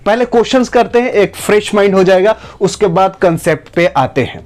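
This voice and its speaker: A man teaching English grammar, who repeats and slowly stretches out each example sentence. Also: sits high, a little mellow. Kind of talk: spoken lesson to camera.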